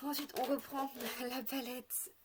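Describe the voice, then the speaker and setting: A woman's voice: high voice, little pitch movement, measured pace, background noise. A woman chatting through a casual makeup tutorial, hesitant with lots of fillers, a bit sick. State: sick, occasional coughing. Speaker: makeup vlogger.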